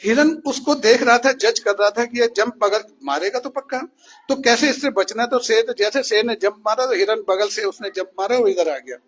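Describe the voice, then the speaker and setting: A man's voice: very high-pitched, moderate pace, a bit bright. A male teacher telling a story to children in class, often asking them questions as he goes. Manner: asks questions to the listeners.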